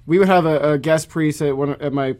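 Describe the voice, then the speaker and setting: A male church musician chatting on a podcast in a friendly, easygoing way, tossing in quick asides. His voice sits a little above the usual male pitch. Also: darkish tone. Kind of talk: casual podcast chat.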